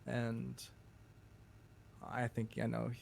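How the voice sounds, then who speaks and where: A man's voice: mid-range voice, monotone, extremely slow, creaky, darkish tone, a little hiss or hum. A young man from Minnesota with a Minnesotan accent, chatting casually in a rambling way, laughing often and restarting his sentences. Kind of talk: casual chat.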